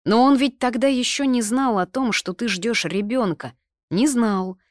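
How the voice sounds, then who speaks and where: A woman reading the lines of a lively, stubborn young man in an audiobook, arguing in a brisk way. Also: on the high side, dry recording, studio quality, pitched above the performer's own voice, lightly acted. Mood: heated.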